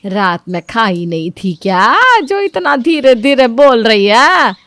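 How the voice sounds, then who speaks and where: A woman playing a bossy shouting mother-in-law. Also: on the high side, moderate pace, clean tone, pitched above the performer's own voice, natural voice. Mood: scolding. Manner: scolding, loud and commanding. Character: bossy domineering middle-aged mother-in-law. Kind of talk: cartoon story voice acting.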